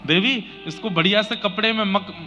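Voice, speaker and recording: Brief: a man doing a poor village dad, high and bright, desperate and scolding, dullish lo-fi sound. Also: moderate pace, faint music behind. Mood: excited. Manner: pleading, scolding. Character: poor anxious village father, desperate over lost money. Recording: slightly dull audio with faint noise.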